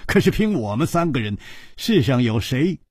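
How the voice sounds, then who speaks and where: A man voicing a calm, confident hero who speaks in an easy, smiling, reasoning tone, with a husky voice. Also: mid-range voice, normal speed, dry recording, clean studio sound.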